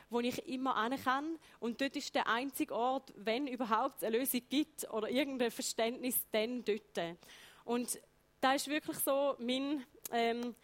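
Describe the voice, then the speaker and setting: A woman with a Swiss German accent shares her life story as a sermon. Her voice sits a little high, and her telling is chatty and casual, full of everyday phrasing. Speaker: speaker giving a testimony sermon. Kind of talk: personal testimony sermon.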